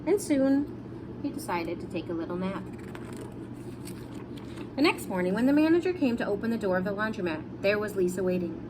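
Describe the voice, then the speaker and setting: A woman with a medium-pitched voice reads a storybook aloud to young children, animated and brisk, pausing often. She reads expressively and stops to explain words in simple terms. Background noise is audible.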